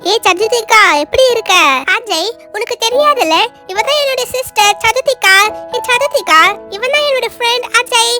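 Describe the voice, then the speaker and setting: Woman, doll-show narrator, very high voice, cheerful and chatty, loud music behind. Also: normal speed, few pauses. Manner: cheerful, chatty, addressing friends.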